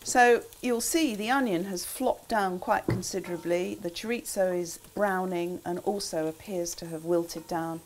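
An older woman with a relaxed, chatty manner, talking through a recipe in a small kitchen. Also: on the low side, unhurried, hardly any pauses, slight background noise. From England. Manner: chatty, relaxed asides with frequent ums. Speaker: cookbook author demonstrating a recipe. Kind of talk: casual cooking demonstration. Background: food sizzling in a pan.

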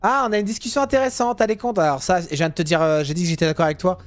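A young man giving casual, jokey commentary while playing a driving game, now and then yelling at other drivers. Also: sits high, rapid-fire. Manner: chatty, jokey, swings to loud yelling at drivers. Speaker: gaming youtuber.

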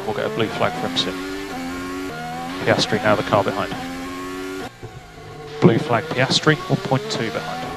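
A male race engineer speaks over race car radio in a mid-pitched voice. He gives clipped, matter-of-fact instructions and updates, often repeating key figures through the team radio link. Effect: team radio transmission.

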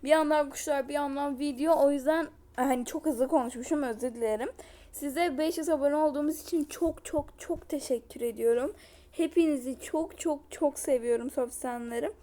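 A woman's voice: high-pitched, moderate pace, mellow. A young woman vlogging casually while baking, chatty and self-mocking. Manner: chatty, dramatic outbursts and self-mocking complaints.

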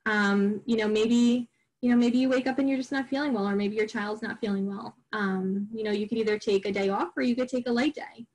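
This recorded online program, with poor audio, features a homeschool group presenter: a middle-aged Long Island woman talking informally to parents. She speaks a little fast at medium pitch, her tone a little mellow and fairly even, and she chats along with many fillers and restarts.

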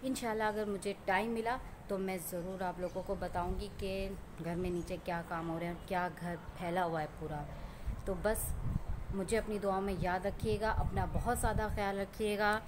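A woman's voice: mid-range voice, steady tone, normal speed, background noise. Chatty woman vlogging from a rooftop. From Pakistan. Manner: chatty, storytelling, pointing things out to viewers. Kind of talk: casual vlog chat. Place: rooftop outdoors.

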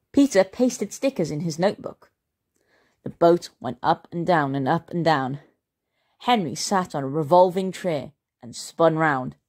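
Serving as the channel's storyteller, a woman with a low voice reads a children's storybook aloud in a slow, expressive manner.

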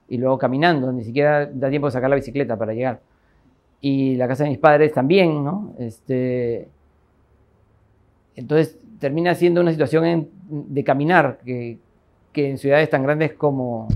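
A reflective Peruvian man in his forties talks at an even, unhurried mid pitch. He muses aloud, filling pauses and ending thoughts with a questioning tag, seated in an office. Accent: Peruvian Spanish, Lima. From Lima, Peru. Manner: thoughtful, many fillers and "¿no?" tags. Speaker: architect interviewee. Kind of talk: reflective interview monologue. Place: office with bookshelves, indoors.

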